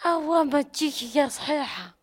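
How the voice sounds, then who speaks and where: A woman's voice: high voice, expressive, moderate pace. A woman with an Algerian accent answering an interviewer in short, hesitant replies. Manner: hesitant, short replies, often asks to repeat. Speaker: interviewee, hospital patient.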